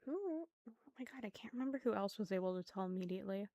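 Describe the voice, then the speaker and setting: A woman's voice: medium pitch, animated, fast talker, dark tone, no room sound, clean studio sound. Chatty rambling young woman streamer. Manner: chatty, rambling, self-mocking. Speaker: vtuber streamer. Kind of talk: game commentary.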